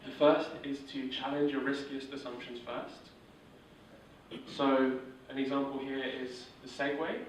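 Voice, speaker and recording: In a large, reverberant room, a man runs a startup workshop, teaching informally in a steady monotone with filler words. His voice is medium in pitch and a little slow, captured from far away with a slight hiss or hum.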